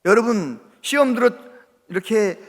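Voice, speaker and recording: A man preaching a sermon as a pastor, impassioned and swinging between loud exhortation and hushed speech, often asking the congregation questions. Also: high voice, expressive, moderate pace, long reverb tail. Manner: asks the congregation questions and calls for replies. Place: church sanctuary with long reverb.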